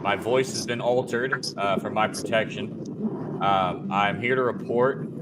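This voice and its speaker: A man with a disguised, altered deep voice, delivering a deadpan mock news report on an online call. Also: background noise.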